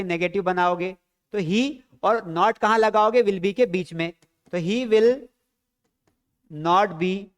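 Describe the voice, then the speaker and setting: A man's voice: sits high, clear, resonant tone. A man with an Indian accent teaching a spoken English lesson, drilling his students with repeated questions. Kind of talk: classroom lesson.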